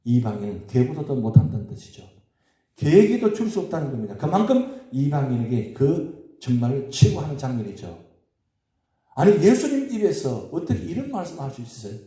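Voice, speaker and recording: A man's voice: medium pitch, sing-song, fairly quick, warm tone. A man, a pastor, preaching an early morning sermon with emphatic rises and falls and many rhetorical questions. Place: church sanctuary. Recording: very echoey church hall.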